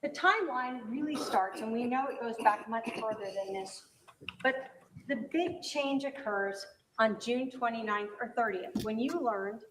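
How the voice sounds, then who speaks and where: A woman prosecutor delivering an emphatic, deliberate closing argument in a courtroom, with pointed rhetorical phrasing. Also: a little high. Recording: noisy courtroom recording.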